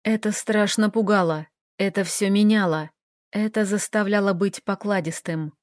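Female audiobook narrator, measured and even; dry booth, mid voice. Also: mid-range voice, dry recording. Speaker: audiobook reader. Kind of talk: scripted narration.

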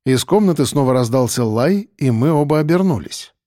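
A man narrating an audiobook in a steady, even storytelling voice. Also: medium pitch, normal speed, no room sound, studio quality.

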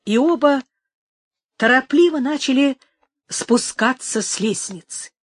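A woman reading a story aloud as narrator in a measured, even manner. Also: high voice, no echo, clean studio sound. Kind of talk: scripted narration.

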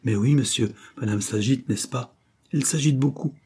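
A man voicing a gentle, reassuring nursing nun in an audiobook. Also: mid-range voice, moderate pace, breathy edge, voice pushed up, lightly acted. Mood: soothing. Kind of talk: audiobook character reading.

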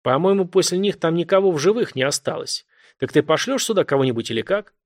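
A man's voice: fairly high pitch, animated, quick pace, darkish tone, dry recording, clean studio sound, pitched above the performer's own voice, lightly acted. A man voicing a brash shop worker calling the police, blunt and crude, swearing freely. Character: gruff foul-mouthed shop worker, brash.

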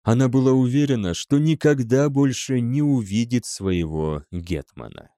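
A man narrating an audiobook in an expressive, lively manner. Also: mid-range voice, normal speed, no room sound, studio quality. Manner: lively, acting out dialogue.

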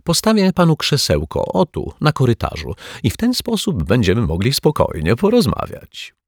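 A man doing a courteous eager detective, raised bright voice, husky, lively, dry close mic, storybook figure. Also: medium pitch, moderate pace, no echo, voice pushed up, exaggerated voice. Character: fussy cheerful small-office male detective.

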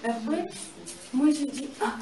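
A woman sharing a personal testimony in conversation, telling it in an animated way with frequent restarts and acted-out reactions. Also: high voice, a little slow. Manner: animated, repeats and restarts phrases, acts out her reactions. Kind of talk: conversational storytelling. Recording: roomy, distant mic, steady background noise.

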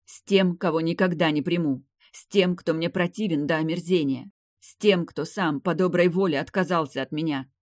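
A woman voicing a proud, hot-tempered young vampire noblewoman who declares things loudly, in an audiobook. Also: low-pitched, moderate pace, no echo, clean studio sound, natural voice. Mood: defiant.

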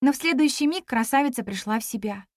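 A woman narrating a children's story in an even, expressive reading voice. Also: high voice, quick pace, dry recording, studio quality. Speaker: audiobook narrator.

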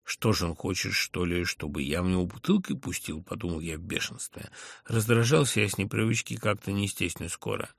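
A man giving an expressive reading of classic literature. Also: deep voice, fairly quick, creaky, no room sound, studio quality. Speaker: reader.

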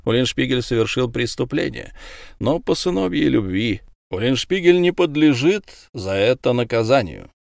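A man voicing a calm, stern male judge in a storybook reading, measured and formal. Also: mid-range voice, creaky, no echo, studio quality.

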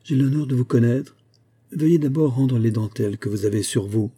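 A man reading aloud, voicing a calm, coldly formal store manager. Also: medium pitch, brisk, breathy edge, natural voice. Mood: cool. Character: cold, composed male store manager, unmoved.

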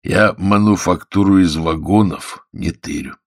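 A man doing a hungover thief in an audiobook, hoarse and half-whispered, low and quiet. He pleads weakly and drops underworld slang. The recording is dry and close. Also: unhurried, no echo. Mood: wary.

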